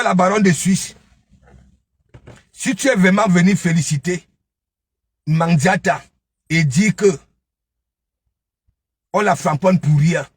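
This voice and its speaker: Male commentator with a high, husky voice, scolding and mocking, dry sound. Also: no room sound. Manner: taunting, keeps asking "hein?". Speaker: online gossip commentator. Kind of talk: ranting live commentary.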